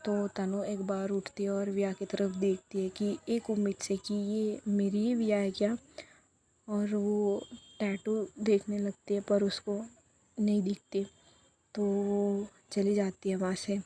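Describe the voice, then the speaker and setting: A woman's voice: mid-range voice, monotone, slow, warm tone, a little hiss or hum. A woman casually retelling a love story episode in a chatty way, with many fillers and lightly acted quoted lines.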